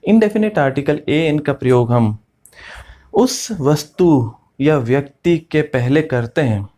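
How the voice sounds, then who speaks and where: A man's voice: fairly high pitch, animated, a little slow, warm tone. A man teaching English grammar as a classroom lecture, repeating each example as he explains.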